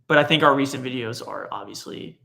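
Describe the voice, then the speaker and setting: A man's voice: medium pitch, fairly quick, gravelly, sharp tone. A young man from Texas, co-hosting a travel channel livestream in an easygoing way and often repeating words as he starts a sentence. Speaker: travel vlogger co-host. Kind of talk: casual livestream chat.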